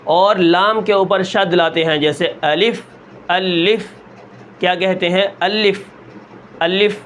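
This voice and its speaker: A man teaching Quran recitation step by step, asking questions and answering them himself, and stretching sounds slowly to show them. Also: sits high, fairly bright tone, slight background noise. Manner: asks the class a question, then answers it himself; draws out sounds long and slow to show them.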